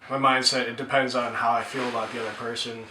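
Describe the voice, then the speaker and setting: A twenty-three-year-old man answers thoughtfully with a bright voice. His words ring in an echoey room with faint noise. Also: mid-range voice, flat delivery, quick pace. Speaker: interviewee. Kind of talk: casual interview answer.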